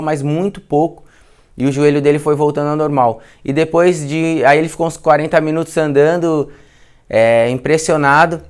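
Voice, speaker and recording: A Brazilian man with a slightly raised, crisp and resonant voice teaches a live class by telling a patient's story. He talks casually, circles back over the same phrases and peppers his account with slang. He sounds more like he is chatting with friends than giving a lecture. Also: on the high side. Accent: Brazilian Portuguese. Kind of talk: informal storytelling case lecture.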